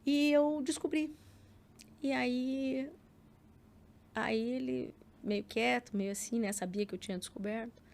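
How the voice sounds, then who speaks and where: A woman's voice: on the high side, fairly even intonation, measured pace, creaky, long pauses, darkish tone. A middle-aged Brazilian woman with a Brazilian Portuguese accent, a podcast guest telling a personal story in casual interview chat, acting out quoted lines. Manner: storytelling with acted quotes and frequent filler words.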